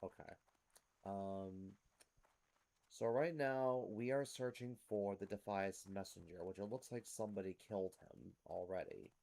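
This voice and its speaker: Low-voiced man giving casual game commentary. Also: unhurried, dark tone. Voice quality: rough smoker's-type cough. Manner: explanatory, addressing viewers. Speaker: host of a gameplay series.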